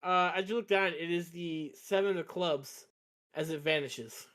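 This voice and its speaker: A man's voice: a little high, a little slow, fairly bright tone. A man acting as game master of a casual tabletop game, laughing often and stumbling over restarts.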